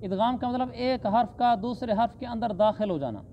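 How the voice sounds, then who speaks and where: A man teaching Quran recitation, slowly drawing out verses and then explaining the rules plainly. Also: very high-pitched, vocal fry. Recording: dull lo-fi sound with faint background noise.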